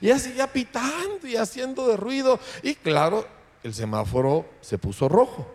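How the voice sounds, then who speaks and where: A man's voice: extremely high pitch, big pitch swings, normal speed, big-room sound. A male pastor, preaching a sermon in a conversational way and often tagging rhetorical questions onto his points.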